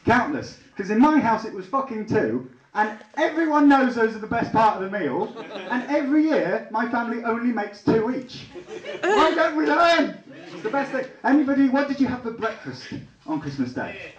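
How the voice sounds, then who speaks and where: Picked up by a distant mic, this muffled, echoey clip features a young man doing a stand-up routine before a live audience in a small theatre lounge. His voice is very high, his pace moderate with few pauses, and his Leicester accent has a Liverpool tinge. He's chatty, trades banter with the crowd, and breaks into excited yelps.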